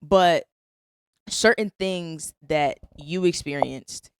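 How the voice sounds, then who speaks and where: A woman in her twenties hosts a podcast from a couch indoors, chatting casually and playfully teasing her guest. Her voice is low, slow and smooth, with no echo.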